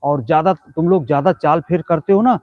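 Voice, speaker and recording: A man hosting a comic live ghost-hunt vlog, repeating urgent warnings to stay back and slipping in quick pleas to like and subscribe. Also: fairly high pitch, no room sound, narrow, tinny audio. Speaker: host of a comic ghost-hunting show.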